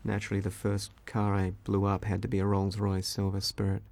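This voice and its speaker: Low, flat, gravelly male commentator. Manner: relaxed, measured, with frequent ums and uhs. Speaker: film director giving commentary. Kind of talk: DVD audio commentary.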